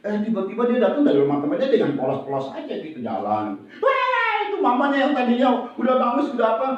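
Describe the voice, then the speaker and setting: Male pastor, high and very lively delivery, sermon recorded from far off in an echoey hall. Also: fast. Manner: lively, animated preaching with acted-out asides. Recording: echoey hall, distant and dull.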